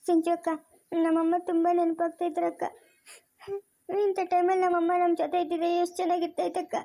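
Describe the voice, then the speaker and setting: A shy young cartoon bride, voiced by a woman who talks softly and politely with a tearful edge. Her voice sits very high. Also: flat delivery, fast, natural voice. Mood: sad, timid. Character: young bride-to-be, gentle and sad.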